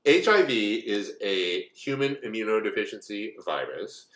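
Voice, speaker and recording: Animated man in his forties, echoey room. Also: lowish voice, normal speed. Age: 40s. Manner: animated, rambling with many asides and fillers. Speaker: co-host. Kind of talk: casual storytelling chat.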